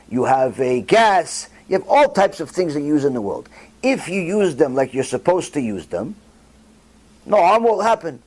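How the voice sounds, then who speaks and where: Animated high-pitched male rabbi. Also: low-quality recording. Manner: emphatic, rhetorical questions to the audience; dramatic swings in pitch and volume. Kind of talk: Torah lecture.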